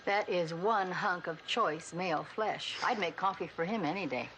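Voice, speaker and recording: A woman's voice: lowish voice, moderate pace, a bit bright, close to an everyday voice. An actress playing a laid-back, playful policewoman with a drawling, teasing manner in a 1970s TV crime drama. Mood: playfully admiring. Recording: noisy old TV soundtrack.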